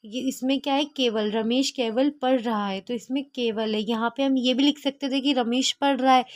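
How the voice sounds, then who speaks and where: A woman's voice: on the high side, darkish tone, no room sound. A woman tutoring a grammar lesson, explaining each example and answering her own questions, with fillers and restarts.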